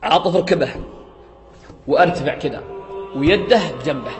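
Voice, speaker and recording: A man's voice: on the high side, moderate pace. A man preaching a sermon, retelling a story dramatically, swearing oaths and repeating "he says" over and over. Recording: echoey room with faint music.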